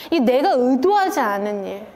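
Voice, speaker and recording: A middle-aged woman delivers a storytelling lecture in a high, lively voice that leaps all over in pitch. She acts out the dialogue she quotes with animated energy. Her voice carries the long reverb of a lecture hall. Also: moderate pace, a little hiss or hum. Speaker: lecturer, consultancy head.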